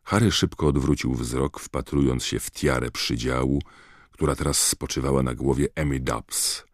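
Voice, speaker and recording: A man narrating an audiobook with a very deep, low voice and a steady, measured delivery. The recording is close and dry, with no room around it. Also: no room sound. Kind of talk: scripted narration.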